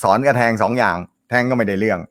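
A man hosting a casual live stream, reading viewer comments, with a naturally loud voice and a joking, chatty manner. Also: lowish voice, fairly even intonation, fast. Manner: joking, laughs often, chatty. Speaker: host of a snooker live show.

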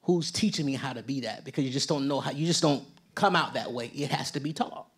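A man speaking as a guest on a panel in a measured, earnest way, stumbling over a word now and then. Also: medium pitch, fairly bright tone, slightly rough. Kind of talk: panel discussion.

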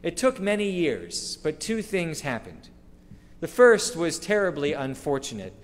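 A middle-aged man, a rabbi, giving a measured, earnest sermon at a lectern microphone, slowing for emphasis. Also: on the high side, very animated. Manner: measured, earnest preaching with slow emphatic phrases. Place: synagogue sanctuary, standing at a wooden lectern. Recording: long reverb of a large hall.

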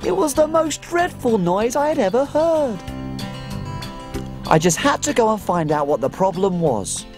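Speaking over music, a woman with a fairly high, sing-song voice goes a little slow. She's acting for children's TV as a small, cheerful cook, bubbly and cheery as she tells stories.

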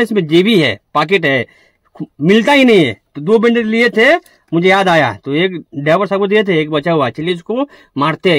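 A man's voice: a little high, no room sound. A young man who drives trucks, chatting casually to his viewers from farm fields beside his truck and filming on a phone. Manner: chatty, addresses viewers directly. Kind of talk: casual vlog narration.

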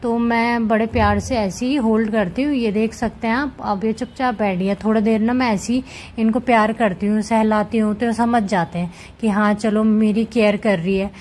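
A woman vlogging casually at home with her cats, chatting gently to viewers as she handles them. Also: on the high side, steady tone, moderate pace, slight background noise. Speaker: cat vlogger. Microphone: camera set up nearby.

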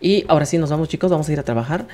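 A man's voice: fairly high pitch, rapid-fire. Playful Mexican man gaming. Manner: playful, excitable, chatting to viewers. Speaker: gaming channel host. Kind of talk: casual gameplay commentary.

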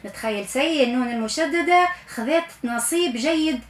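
A woman with a Tunisian accent teaching Quran recitation in a radio lesson, coaching patiently and stretching sounds out slowly to demonstrate them. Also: high voice, animated, roomy sound. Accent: Tunisian Arabic.

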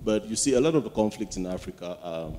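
A man speaks from the audience into a handheld mic, earnest and measured. His voice is very low and very dark. A long reverb from the lecture hall trails behind his words. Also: expressive, slight background noise. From Cameroon. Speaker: audience member asking a question. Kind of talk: audience question.

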